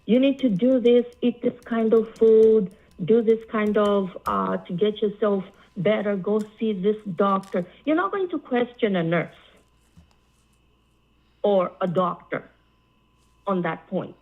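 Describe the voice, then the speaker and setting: A woman from Zambia calling in to a talk show, speaking earnestly with many pauses and fillers. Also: medium pitch. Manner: slow, earnest, halting with fillers. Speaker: caller. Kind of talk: call-in talk. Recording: phone line.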